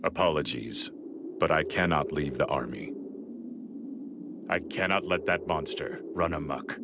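A man playing a stoic, hulking android warrior in a video game, with a flat, formal delivery. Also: extremely low pitch, measured pace, noisy background. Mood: stoic, grave.

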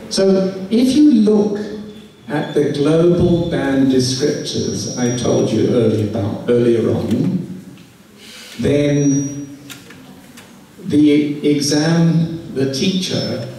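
A middle-aged man who is losing his voice gives a slow, encouraging talk on an exam to students at a school, taking questions afterwards. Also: on the high side, warm tone, a little hiss or hum. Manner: slow, encouraging, repeats himself. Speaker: IELTS teacher giving a talk to students. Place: large echoey school hall. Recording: echoey hall from far off.

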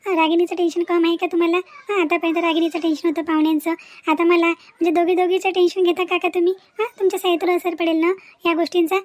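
Cartoon: earnest rural daughter, very high and brisk. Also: female voice, flat delivery, darkish tone, no room sound. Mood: pleading. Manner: pleading, coaxing. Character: earnest young village daughter, dutiful and pleading. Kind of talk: cartoon voice acting.

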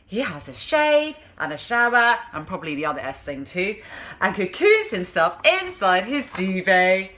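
Her voice is medium-pitched, sing-song and fairly bright, at a moderate pace, as she hosts a playful storytime from a small room at home. A parenting vlogger in her thirties, she reads with exaggerated, theatrical emphasis and chatty side comments.

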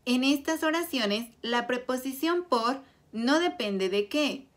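A woman teaching a Spanish grammar lesson, explaining clearly and deliberately through example sentences. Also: high voice, animated. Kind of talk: slow scripted grammar lesson.

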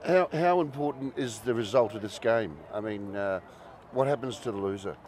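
A man's voice: medium pitch, moderate pace, a little mellow. Male stream host, hesitant delivery, plenty of ums and uhs. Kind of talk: casual interview.

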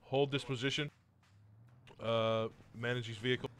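A man leading a squad in an online war game, giving brisk commanding orders over voice chat. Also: mid-range voice, fairly even intonation, a bit bright, clear, resonant tone.

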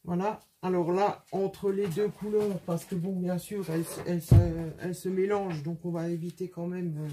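A woman's voice: lowish voice, fairly even intonation, moderate pace, few pauses, warm tone, a little hiss or hum. A woman hosting a casual craft tutorial from her home workspace, talking in a chatty way with many hesitations.

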